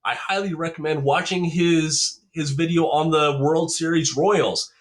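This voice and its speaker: A young man hosting a sports podcast, upbeat, chatty, and quick to react with enthusiasm. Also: a little high. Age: young adult. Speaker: podcast host. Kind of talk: casual chat.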